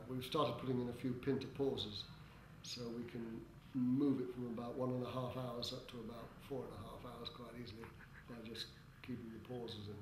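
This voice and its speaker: An older man answering interview questions as a theatre director, in a hesitant, halting way with droll, tongue-in-cheek humour. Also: mid-range voice, darkish tone. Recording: echoey room with background noise.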